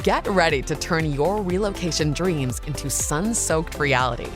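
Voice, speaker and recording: A woman's voice: deep voice, animated, moderate pace. Polished woman announcer over music. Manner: polished, upbeat. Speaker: podcast intro announcer. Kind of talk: scripted promo narration. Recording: music bed under voice.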